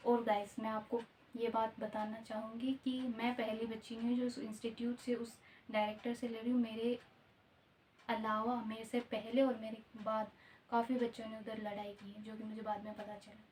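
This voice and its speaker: Young woman vlogger recounting a story, kinda high but mellow, pretty level tone. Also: level tone, moderate pace, slight background noise, poor audio. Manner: recounting with quoted back-and-forth dialogue. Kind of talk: personal story told to viewers.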